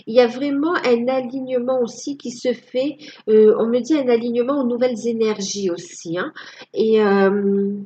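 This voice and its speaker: A woman's voice: fairly high pitch, steady tone, moderate pace, mellow, breathy edge, highs cut off. A woman giving a casual tarot reading to her viewers, hesitant and full of fillers. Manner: hesitant, many fillers, tags with "hein". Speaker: tarot card reader.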